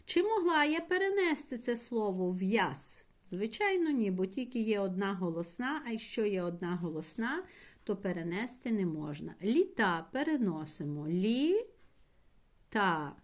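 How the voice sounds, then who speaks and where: A woman teacher giving a patient primary school language lesson, explaining slowly and spelling out words syllable by syllable for her pupils. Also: medium pitch, sing-song. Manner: slow, patient explaining, addressing pupils directly.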